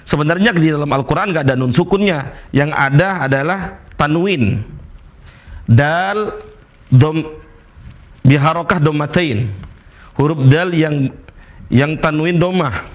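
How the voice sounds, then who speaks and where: A man's voice: fairly high pitch, measured pace, pauses often. A man teaching a Quran recitation lesson, patiently repeating recited examples and putting questions to his students. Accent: Indonesian.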